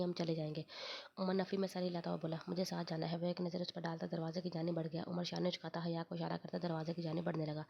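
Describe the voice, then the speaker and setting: A woman's voice: lowish voice, vocal fry. A woman reading a romance novel aloud, narrating and speaking every character in her own voice. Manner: quick, even reading, voicing all characters in her own voice. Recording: dull lo-fi recording with faint noise.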